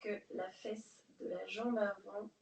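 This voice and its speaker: Slow, calm woman coaching breaths. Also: mid-range voice, gravelly, far from the mic, slight background noise. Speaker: prenatal fitness instructor. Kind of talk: guided exercise class. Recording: echoey room, voice off-mic.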